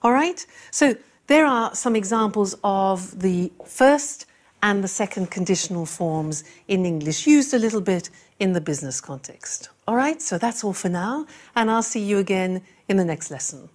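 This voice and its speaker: A woman teaching an English lesson, speaking clearly and repeating key phrases for learners. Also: medium pitch, lively intonation, moderate pace. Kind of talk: classroom lesson.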